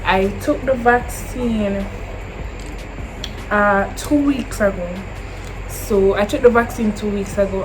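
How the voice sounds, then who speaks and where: Talking casually to the camera, a twenty-year-old woman with a Jamaican accent responds to viewer questions, slipping into Creole phrasing and saying things more than once. She has a mid-range voice, and there's noise in the background.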